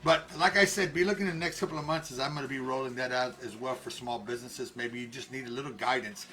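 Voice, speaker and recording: A man's voice: mid-range voice, fast talker, pushed and bright. A man co-hosting a casual live stream, rambling in a friendly way with many fillers and restarts. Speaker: co-host and life coach.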